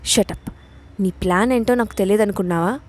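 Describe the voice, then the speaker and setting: A woman voicing a sharp-tongued young college woman who speaks curtly and scornfully in an audio story. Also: mid-range voice, fairly quick, close to an everyday voice. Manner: curt and scornful.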